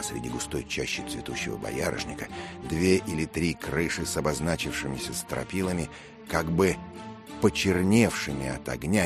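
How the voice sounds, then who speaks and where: A man reading an adventure novel aloud in steady, measured scripted narration. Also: extremely low pitch. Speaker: audiobook reader.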